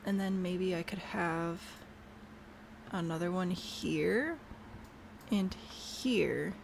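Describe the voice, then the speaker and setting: A woman's voice: lowish voice, drawn-out words, creaky, a little hiss or hum. Chatty bubbly woman thinking aloud. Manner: chatty and bubbly, talks to herself, trails off. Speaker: game streamer. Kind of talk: casual chat while building in a game.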